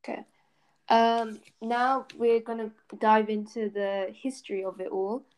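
Higher-voiced woman, hesitant co-host. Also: level tone, measured pace, darkish tone, low-quality recording. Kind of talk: casual discussion.

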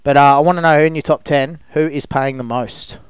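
A man's voice: on the high side, fairly even intonation, a little fast, clean tone, no echo. An Australian man co-hosting a footy show, chatting casually in a laid-back, matey way with plenty of local slang. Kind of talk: casual sports banter.

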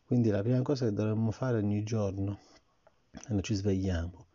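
A middle-aged man reading a bedtime story aloud to his son and gently, patiently asking him questions about it. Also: on the low side, steady tone, moderate pace. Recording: dull lo-fi recording.

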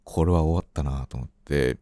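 A man hosting a late-night radio corner, telling stories in an easygoing, chatty way. His voice is deep and mellow. The sound is close and dry, with no room around it. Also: brisk, dry recording. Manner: easygoing storyteller, acts out quoted phone talk. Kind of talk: casual radio chat.

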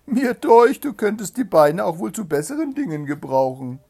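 A man's voice: huge pitch swings, moderate pace, breathy edge, exaggerated voice. A man doing a sneering, haughty old-fashioned hare. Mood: mocking. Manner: sneering, shrill and loud. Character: haughty, mocking noble male hare.

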